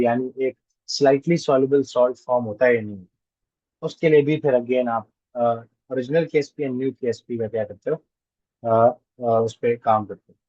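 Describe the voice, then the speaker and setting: A man's voice: medium pitch, mellow, slightly rough, no room sound, highs cut off. A male chemistry teacher giving a classroom lecture, repeating key phrases and checking that students follow. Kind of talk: classroom lecture mixing Hindi and English.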